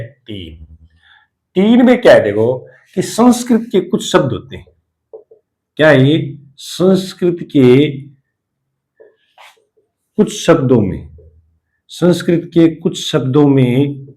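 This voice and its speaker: A man's voice: medium pitch, expressive, slow, long pauses, darkish tone. A man with a Rajasthani Hindi accent, teaching a Hindi spelling lesson at a board, repeating each word and asking and answering his own questions.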